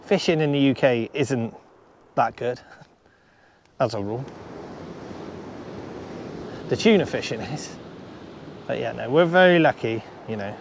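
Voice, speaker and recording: A man's voice: medium pitch, unhurried, gravelly, long pauses. A man talking casually to camera while shore fishing, muttering to himself and swearing now and then. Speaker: shore angler vlogger. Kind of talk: casual outdoor fishing vlog. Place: shingle beach by the sea, outdoors. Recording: surf noise behind.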